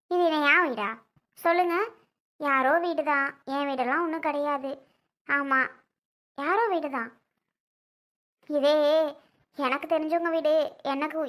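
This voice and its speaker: A woman's voice: sits high, creaky, a bit bright. A woman playing a bitter young wife who complains tearfully and scolds as she grieves her family's losses. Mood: resentful.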